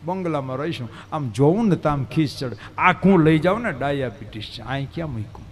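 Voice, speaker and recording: Guy preaching a katha, high voice that swoops all over, keeps firing questions at the crowd. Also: animated, fairly quick. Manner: rhetorical, questions the crowd and answers himself; folksy, earthy examples. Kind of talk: devotional discourse.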